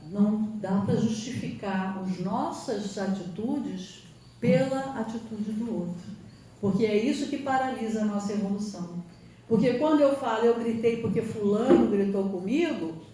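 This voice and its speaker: A woman with a Brazilian accent delivers an earnest spiritual lecture, her voice fairly high yet mellow and warm. She presses her points with rhetorical questions. The sound is heavily echoey and picked up from a distant mic in a large hall. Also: normal speed, slight background noise. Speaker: psychologist.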